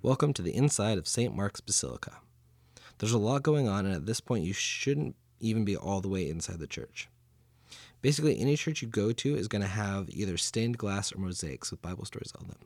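A man's voice: lowish voice, lively intonation, fairly quick, darkish tone, no room sound. A man narrating a scripted audio tour as guide, chatty and jokey.

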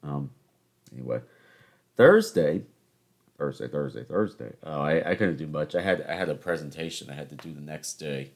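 This Southern-raised host in his twenties has a low voice with a New York edge to his accent and talks at a normal speed. Originally from Charleston, South Carolina, he runs a casual solo podcast, loosely telling stories that poke fun at himself.

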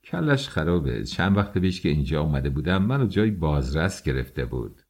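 A man's voice: a bass voice, very animated, darkish tone, breathy edge, exaggerated voice. A man voicing a worldly older man who lectures a young friend in a confiding tone. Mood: dismissive. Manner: preachy, confiding advice.

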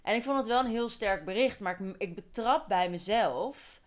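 A young woman from Holland co-hosting a relaxed podcast. She talks things through out loud, drifting into side explanations and correcting herself as she goes. Her voice sits at a middle pitch for a woman. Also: normal speed. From Holland, Netherlands. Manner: explanatory, thinks aloud, goes on tangents. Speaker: podcast co-host. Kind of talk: casual chat.

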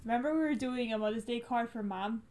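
A young woman chatting with friends and speaking to viewers. Her voice sits a little above average in pitch. She tells stories quickly and playfully. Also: darkish tone, slight background noise. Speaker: co-host. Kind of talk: casual storytelling chat.

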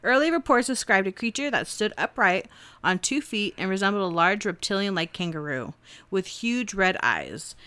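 A woman's voice: medium pitch, a bit bright, clear, resonant tone. A woman co-hosting a casual podcast, chatting and laughing as she reads her notes aloud. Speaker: podcast co-host. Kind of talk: casual chat.

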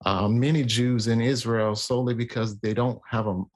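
A man in casual conversation about faith, talking in a halting way with many fillers and restarts. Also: mid-range voice, steady tone, a little mellow.

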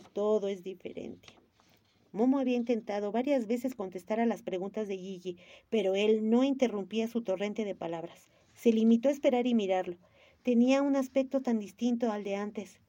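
A woman narrating a storybook aloud, with lively shifts into character voices. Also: mid-range voice, no room sound, dull audio. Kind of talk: storybook reading.

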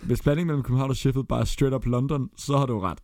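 A man's voice: mid-range voice, steady tone, warm tone, no echo, studio quality. A Danish man co-hosting a podcast in casual chat, blunt and swearing freely as he counts down a ranked list. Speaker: podcast co-host.

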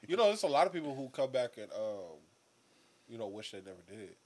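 A man with a mid-range voice in a relaxed podcast chat. He speaks earnestly and reflectively, working through his thoughts as he goes. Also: mid-range voice, a little fast. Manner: earnest, reflective, thinks aloud. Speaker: podcast co-host.

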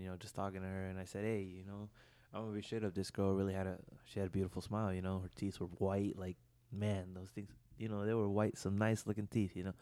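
A man's voice: sits low, dark tone, clear, resonant tone, no room sound. A man chatting casually as a podcast co-host, rambling in slangy, profane talk peppered with "you know". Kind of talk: casual chat.

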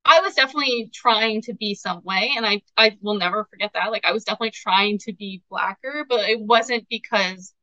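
A woman's voice: mid-range voice, brisk, few pauses, pushed and bright, dry recording. A young adult woman co-hosting a casual podcast, talking in an emotional, rambling way with many filler words. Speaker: podcast co-host. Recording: slightly dull lo-fi sound, dry.

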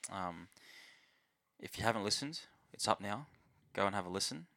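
A man's voice: on the low side, lively intonation, normal speed, sharp tone. A man with an Australian accent talking casually about sport as a podcast co-host. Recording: close, dry podcast sound.

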